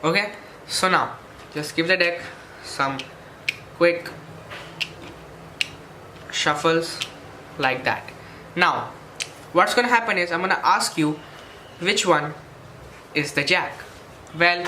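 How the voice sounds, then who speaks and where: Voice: mid-range voice, bright, forceful tone, a little hiss or hum. A presenter walking through a card trick step by step in an instructional way, often checking in with "okay". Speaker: magic tutorial presenter. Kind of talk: step-by-step demonstration and tutorial. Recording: roomy echo with faint music.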